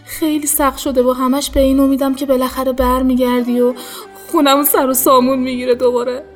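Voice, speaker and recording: A woman's voice: a little high, soft background music, close to an everyday voice. An actress playing a devoted middle-aged wife who speaks tenderly to her husband, sometimes close to tears. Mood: tearful, longing. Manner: tender, tearful pleading.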